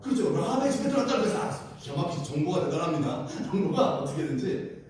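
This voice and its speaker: A man preaching a sermon as pastor at a midweek prayer service, animated, asking the congregation questions and acting out the scenes he describes. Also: high voice, fast talker, very echoey, recorded from a distance, a little hiss or hum.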